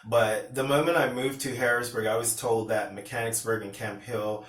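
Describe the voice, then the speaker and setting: Heard from a distance in a roomy space with slight background noise, a man from Pennsylvania vlogs a personal story to camera. He rambles casually, restarts, and retells dialogue, using a mid-range, slightly bright voice with fairly even intonation and a moderate pace.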